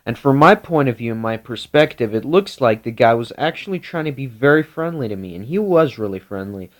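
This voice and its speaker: A man spinning a loose, improvised tale at an ordinary pitch. He meanders, circles back and restarts his sentences as he goes. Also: lively intonation, brisk. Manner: meandering, full of restarts and 'like'. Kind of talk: rambling improvised storytelling.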